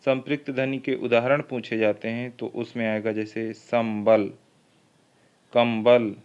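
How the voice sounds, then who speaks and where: A male teacher runs through exam-prep questions, repeating each one before going over the choices. His voice is smooth and clear at a mid pitch. The recording is slightly muffled and lo-fi. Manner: reads each question twice, then the options, then explains. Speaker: Hindi literature teacher.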